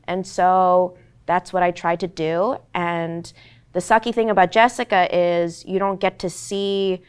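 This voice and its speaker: Her voice is lowish, smooth, and level, delivered a little slowly as this twenties-aged American actor, a native Korean speaker, shares earnest reflections in frank panel talk. Fillers like "like" and "um" come up often.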